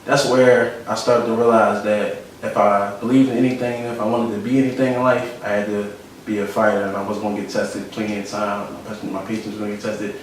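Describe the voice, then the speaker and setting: A young Philadelphia man with a local accent reflects on his life in a casual studio interview, where he appears as an interviewee and photographer, often repeating phrases. His voice is fairly low with little pitch movement and a brisk pace. The mic sits at a distance in an echoey room, with slight background noise.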